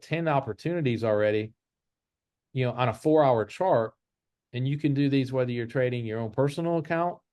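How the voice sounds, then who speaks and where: With a medium-pitched, slightly mellow voice and no room sound, a man teaches an informal trading lesson using charts. He breaks things down step by step and repeats his rules often.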